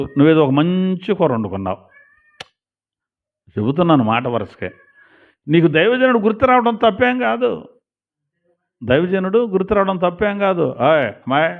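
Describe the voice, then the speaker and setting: A man preaching a sermon, telling stories and acting out short dialogues as he goes. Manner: lively storytelling preacher, acts out little dialogues with shifting pitch. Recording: tinny phone-like sound.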